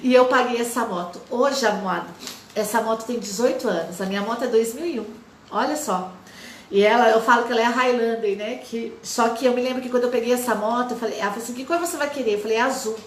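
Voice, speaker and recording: A woman's voice: fairly high pitch, fast talker, roomy sound, slight background noise. A woman in her forties, a lay missionary, giving an emotional testimony sermon and acting out the dialogue of her story.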